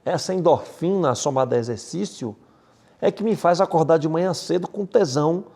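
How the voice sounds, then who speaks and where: A man from Salvador, speaking as a podcast guest in an energetic, slangy, emphatic way. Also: on the high side, moderate pace, vocal fry. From Salvador, Bahia, Brazil. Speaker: guest, M&A advisor. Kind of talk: casual podcast interview.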